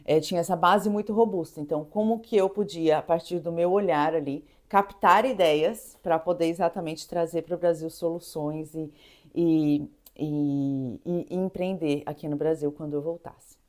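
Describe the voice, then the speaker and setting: A woman from Brazil, in her thirties, telling a personal story in a casual, animated way, acting out scenes and laughing as she goes. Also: low voice, moderate pace. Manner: animated, laughing, acts out the shouting chef.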